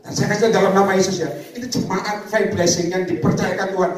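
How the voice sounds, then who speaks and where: A man's voice: high voice, quick pace. A man preaching a sermon to a congregation, calling out for responses. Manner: animated, calls out to the congregation for responses. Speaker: evangelist preacher. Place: church prayer meeting hall. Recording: echoey hall, distant mic, faint noise.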